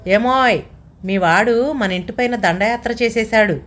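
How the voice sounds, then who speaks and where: A woman's voice: mid-range voice, normal speed, natural voice. Brief: weary sixty-something husband, voiced by a woman narrator, raised voice. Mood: calling. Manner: calling out loudly. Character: retired man of 62, weary husband.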